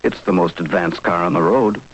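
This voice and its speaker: A man's voice: low-pitched, moderate pace, breathy edge. A man playing an assured car salesman in a vintage commercial, clipped and conversational. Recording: dull, muffled old commercial.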